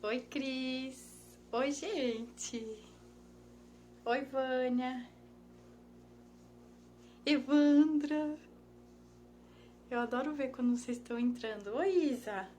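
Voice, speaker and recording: Woman in her 30s, high voice, slow easy talk, greets everyone by name on her live. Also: a little hiss or hum. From Brazil. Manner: warm, affectionate, greets viewers by name. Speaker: Instagram live host, ThetaHealing instructor. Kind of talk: casual live stream chat, greeting viewers. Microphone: phone or laptop mic on a live stream.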